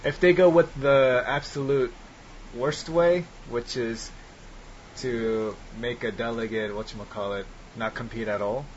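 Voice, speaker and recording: A man's voice: medium pitch, fairly even intonation, unhurried, slight background noise. A man hosting a casual group chat over an online call, talking loosely with plenty of filler words. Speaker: podcast host. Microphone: computer mic on a voice call. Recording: dull lo-fi online call audio.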